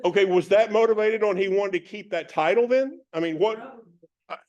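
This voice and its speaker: A man's voice: high-pitched, brisk, a little mellow, highs cut off. Man teaching the Bible verse by verse. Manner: conversational, reads verses from several translations.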